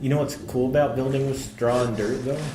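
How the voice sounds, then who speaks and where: A man's voice: mid-range voice, little pitch movement, brisk. A young man co-hosting a gaming podcast, chuckling often and tossing in teasing asides. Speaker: podcast co-host. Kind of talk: casual gaming banter. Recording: echoey room with faint noise.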